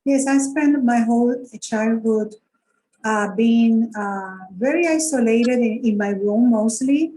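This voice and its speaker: A woman from Rico, a guest in a conversation on a video call, speaking thoughtfully and hesitantly with soft laughs. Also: on the high side, takes it slowly, low-quality recording. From Puerto Rico. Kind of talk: conversational interview.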